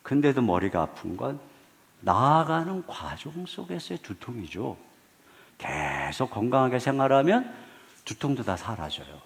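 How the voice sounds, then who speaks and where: Animated male pastor preaching in a reverberant hall. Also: measured pace, vocal fry. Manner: animated storytelling, shifting between loud bursts and hushed low lines. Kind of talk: sermon. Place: large church sanctuary. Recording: long church hall reverb.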